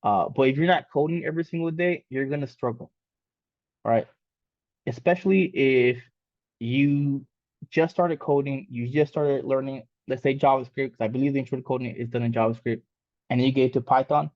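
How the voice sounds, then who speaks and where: At a moderate pace, a coding instructor with a mid-range voice leads a live lesson casually, rambling with many fillers and restarts. He was born in Mexico and speaks Spanish natively. The recording is dull, lo-fi, and free of room sound.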